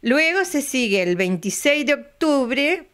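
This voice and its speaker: Her voice sits high and fairly bright, swinging widely in pitch at a measured pace. In her living room, this older woman with an Argentine accent chats with a local TV interviewer who holds a handheld mic up to her, as president of a retirees' center. She's patient about repeating dates and likes to finish lines with a questioning aside.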